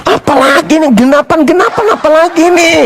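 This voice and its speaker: A man arguing hard in a religious debate, mocking and shouting his points while fasting. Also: very high-pitched, background noise.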